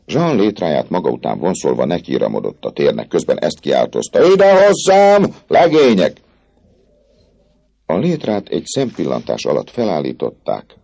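Audiobook narrator, male, deep gravelly voice, animated reading. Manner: expressive storytelling. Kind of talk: scripted narration.

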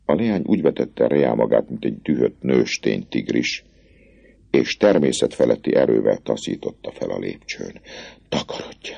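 A man narrating an audiobook with a dramatic, expressive reading. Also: extremely low pitch, gravelly, no echo, lo-fi sound.

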